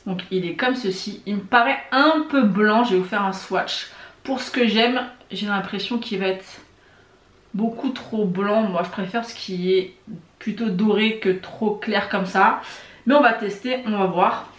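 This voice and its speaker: A woman vlogger talking her viewers through a makeup test in a relaxed, chatty way. She hesitates often and then carries on at an everyday middle pitch. Her voice rings a little in an echoey room on the camera mic. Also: unhurried. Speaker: beauty vlogger. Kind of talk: casual makeup tutorial chat.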